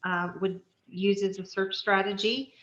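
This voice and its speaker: A woman's voice: medium pitch, steady tone, unhurried, fairly bright tone, reverberant, dull audio. A woman instructor explaining search dog strategy to a class in a practical, step-by-step way with frequent fillers. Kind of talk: online class lecture.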